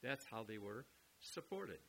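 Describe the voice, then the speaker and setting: A man's voice: lowish voice, measured pace, low-quality recording. A man preaching a sermon, teaching through Bible verses with emphatic repetition and direct questions to the congregation. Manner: lively, emphatic, repeats words, asks the audience directly. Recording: faint hiss on the recording.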